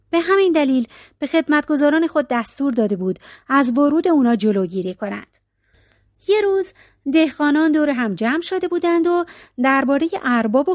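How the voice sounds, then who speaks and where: A woman storyteller reading a folk tale aloud with expressive storybook narration. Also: high-pitched, dry recording, studio quality.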